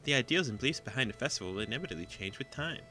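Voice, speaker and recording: A man's voice: mid-range voice, expressive, very fast, bright, forceful tone, slight background noise, pitched above the performer's own voice. A man voicing a stern, competitive schoolgirl in a game, speaking in a formal, matter-of-fact way. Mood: lecturing.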